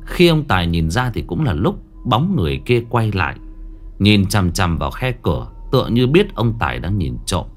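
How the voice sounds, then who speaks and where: A man's voice: lowish voice, big pitch swings, moderate pace, soft background music. A man narrating a ghost story with suspenseful, dramatic pacing.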